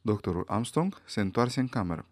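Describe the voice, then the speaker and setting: Give me a man reading a novel aloud, dramatic and lively, with a dry sound. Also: lowish voice, no room sound. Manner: expressive, dramatic. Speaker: audiobook reader. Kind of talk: scripted narration.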